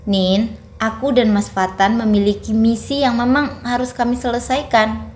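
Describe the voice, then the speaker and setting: A woman plays a female friend who calmly explains herself. Her voice sits a little high. A faint background noise runs under it. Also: normal speed, lightly acted. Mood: explaining.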